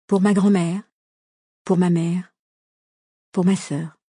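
Low, husky woman reading a novel. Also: no echo. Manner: calm, measured storytelling. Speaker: audiobook reader. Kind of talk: scripted novel narration. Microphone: close studio microphone. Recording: dry studio recording.

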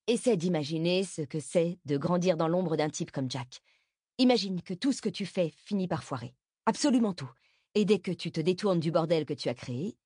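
A woman reading the part of an insecure young woman who wants to be liked, in a lively confiding tone. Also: fairly low pitch, breathy edge, no room sound, studio quality. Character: young woman, self-doubting, eager to be liked.

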